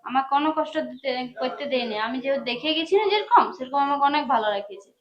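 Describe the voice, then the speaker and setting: A woman's voice: high voice, sing-song, rapid-fire, muffled recording. A woman with a Manbhum Bengali accent playing a young wife who indignantly defends her husband and pleads with him. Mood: confiding. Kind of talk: amateur village comedy drama.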